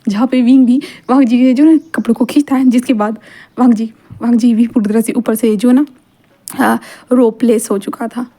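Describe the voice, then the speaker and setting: A woman's voice: on the high side, fairly even intonation, moderate pace, warm tone. A young woman telling a fan-fiction story in a rambling, casual way, with many restarts. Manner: rambling, frequent restarts and repeated fillers.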